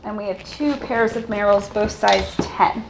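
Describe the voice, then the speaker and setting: Woman, reseller host, gravelly, chatty haul talk. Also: medium pitch, unhurried, very noisy. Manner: chatty, describes items and sizes, laughs easily. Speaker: thrift reseller and channel host. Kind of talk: casual haul chat.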